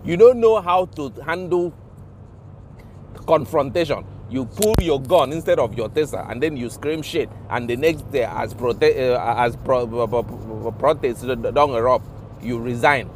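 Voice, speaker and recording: A man's voice: mid-range voice, a little slow, a little mellow, a little hiss or hum. A man with a Nigerian accent, mixing Pidgin and English in an indignant, impassioned vlog rant, swearing and repeating himself for emphasis. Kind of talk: ranting vlog monologue.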